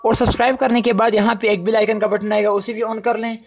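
A man with a Pakistani Urdu accent teaching English letter sounds in a casual spoken lesson, chatty and addressing viewers as friends, repeating each letter slowly and drawn out. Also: high voice, level tone, slight background noise.

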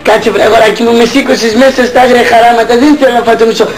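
A man's voice: extremely high pitch, fairly even intonation. A man voicing a weary, scolding mother in a comedy sketch. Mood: exasperated. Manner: scolding, exasperated. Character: weary, fussing middle-aged mother. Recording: music playing behind.

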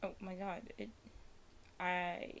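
A woman's voice: fairly low pitch, little pitch movement, slow pace, a little hiss or hum. A young woman giving casual, self-deprecating commentary while playing a game, chatty and nervous. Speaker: gaming streamer. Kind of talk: casual let's-play commentary.

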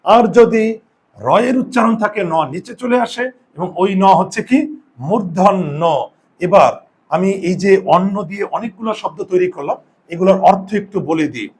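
A man's voice: sits high, moderate pace, a little mellow, breathy edge. A male Bengali grammar teacher giving a classroom spelling lesson, explaining step by step and answering his own questions, with students in the room.

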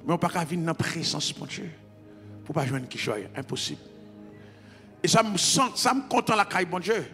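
A man with a Haitian accent preaching a sermon as pastor, mixing Creole into French and calling on the congregation to repeat after him until he is shouting. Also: on the high side, animated, brisk, in a large hall, soft background music. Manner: mixes Creole into French, call-and-response, builds to shouting.

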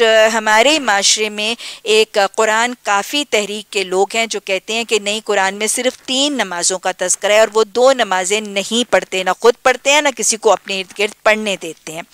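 A woman teaching a religious lesson on scripture, emphatic and full of rhetorical questions, slowing down to recite prayers. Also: medium pitch, a bit bright, smooth, no echo. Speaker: Quran teacher.

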